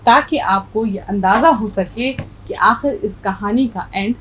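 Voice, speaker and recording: A woman Urdu teacher with a North Indian Urdu accent, explaining pronunciation as she spells words out slowly letter by letter. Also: mid-range voice, slight background noise, poor audio. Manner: stresses correct pronunciation, asks the viewer questions. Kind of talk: explaining a lesson.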